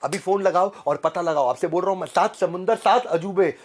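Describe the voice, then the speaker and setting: A man in an energetic, dramatic sales pitch, full of punchy slogans and rhyming lines. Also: brisk. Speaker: motivational speaker.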